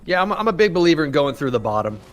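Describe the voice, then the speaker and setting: A man's voice: fairly high pitch, sing-song, very fast. A young man hosting a casual gaming stream chat, laid-back and swearing freely, with lots of "dude" and "bro". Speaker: podcast host and streamer.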